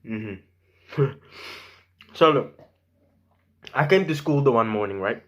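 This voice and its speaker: Animated young man, voice swinging widely. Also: mid-range voice, takes it slowly, dull audio. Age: young adult. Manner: animated, slangy, acting out dialogue. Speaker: vlogger. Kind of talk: casual storytime to camera. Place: small room at home.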